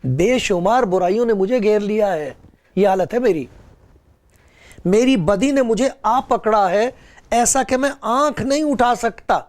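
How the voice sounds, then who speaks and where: Male preacher, high-pitched, earnest sermon delivery with strong rises and falls. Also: darkish tone. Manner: earnest, pleading preaching with rising and falling emphasis.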